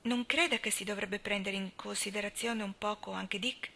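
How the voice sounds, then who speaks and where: A woman voicing an earnest young wife who answers calmly and firmly. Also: mid-range voice, normal speed, gravelly.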